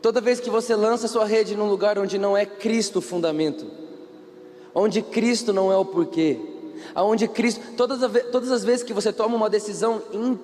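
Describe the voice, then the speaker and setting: Brazilian male preacher, high voice, animated delivery, reverberant hall with faint noise. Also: moderate pace. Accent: Brazilian Portuguese. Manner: animated, acts out quoted characters, asks the audience questions. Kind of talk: sermon.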